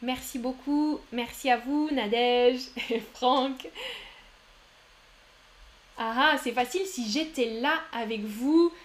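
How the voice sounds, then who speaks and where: A woman with a high voice teaches French on a live stream. She reads out viewers' answers from the chat one after another and praises each of them. Her delivery is encouraging and upbeat. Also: takes it slowly, long pauses. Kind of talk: live-streamed language lesson.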